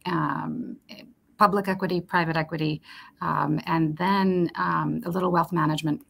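Low, gravelly woman on a video call. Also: steady tone, a bit bright. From Romania. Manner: measured, thoughtful, with frequent ums. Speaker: guest, talent executive. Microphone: webcam on a video call.

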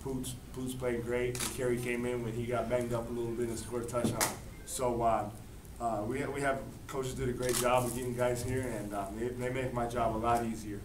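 A young adult man, a football quarterback, answering postgame questions in a relaxed way with many fillers and restarts. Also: mid-range voice, moderate pace, hardly any pauses. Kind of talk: postgame press conference answers. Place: press room in front of a sponsor backdrop. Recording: roomy, distant, noisy press room.

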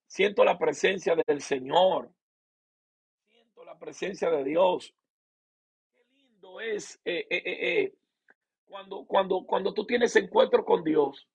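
Gravelly-voiced pastor preaching. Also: male voice, high voice, slow, long pauses. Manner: emotional, repeats words and restarts often. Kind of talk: sermon with personal testimony. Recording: dull lo-fi recording.

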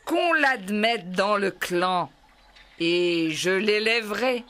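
A woman's voice: medium pitch, lively intonation, takes it slowly, fairly bright tone. A woman voicing a wise male brown bear who teaches young wolves in a storybook reading. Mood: earnest.

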